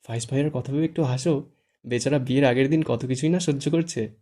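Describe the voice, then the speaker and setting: A man's voice: mid-range voice, brisk, mellow, close to an everyday voice. A man reading a story aloud, voicing a cheerful, mischievous young woman who coaxes others with a laughing tone.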